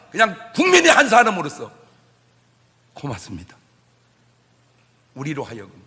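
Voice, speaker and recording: A middle-aged male pastor delivers a sermon in a fairly high voice, veering between loud shouts and soft asides and chuckling as he tells stories. The recording has the sound of a big room.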